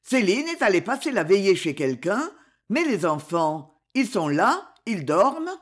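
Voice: mid-range voice, very animated, measured pace. A reader of a French novel voicing a grown man who comes home and urgently questions his mother. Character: man returning home, son and husband, desperate.

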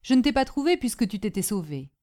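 A woman voicing a domineering, scornful older aunt who scolds and commands in sharp, mocking tones. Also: fairly high pitch, very animated, quick pace. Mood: stern.

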